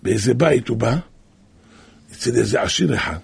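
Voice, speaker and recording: A man preaching in a loose, colloquial storytelling way, retelling rabbinic tales and repeating "he says" between quoted lines, now and then breaking into loud exclamations. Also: mid-range voice, lively intonation, vocal fry, husky, no echo.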